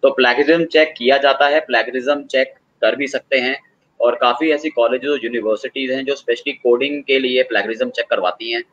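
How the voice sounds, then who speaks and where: A man answering interview questions as an expert guest, explaining at length with frequent filler pauses. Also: mid-range voice, fairly bright tone, lo-fi sound. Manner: hesitant, many filler pauses.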